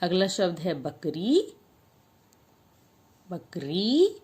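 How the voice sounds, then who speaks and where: Slow, careful woman teacher. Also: fairly low pitch, very animated, a little mellow, husky. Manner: slow, drawn-out word-by-word dictation. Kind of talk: children's Hindi lesson.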